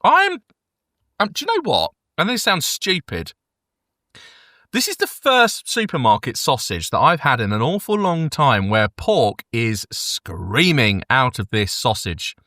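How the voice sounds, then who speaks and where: A man's voice: mid-range voice, huge pitch swings, measured pace, bright, forceful tone, no echo, studio quality. A man co-hosting a podcast, playfully joking while reading ingredient lists aloud in casual chat. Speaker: podcast co-host. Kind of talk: casual food review chat.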